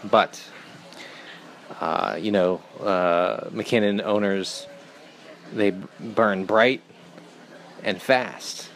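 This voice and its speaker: A male podcast host giving a hesitant, mock-solemn comedic monologue in a deadpan voice. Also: on the low side, drawn-out words, gravelly, pauses often, a little hiss or hum. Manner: hesitant, many fillers and restarts, mock-solemn.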